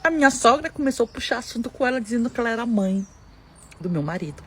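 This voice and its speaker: A Brazilian woman tells a dramatic story in the first person, her voice set fairly high and soft with breath. Her pitch swoops lively up and down as she speaks straight to her listeners. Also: fast, husky. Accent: Brazilian Portuguese. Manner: animated, addresses listeners directly.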